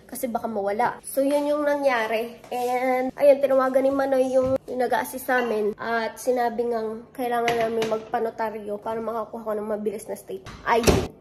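A Filipino vlogger in her thirties chats casually and playfully with her followers, filmed on a phone held at arm's length in her kitchen and living area at home. Her fairly high voice comes across flat, at a moderate pace with few pauses, over a noisy background.

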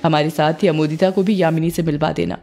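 A woman's voice: low voice, steady tone, brisk, creaky, a little mellow, faint music behind. A woman narrator plays an easygoing young male friend in a horror storybook, casual and reassuring.

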